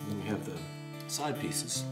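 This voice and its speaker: An older man hosting a woodworking channel, explaining history and then demonstrating at his workshop bench in a calm, unhurried way. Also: on the low side, loud music behind the voice.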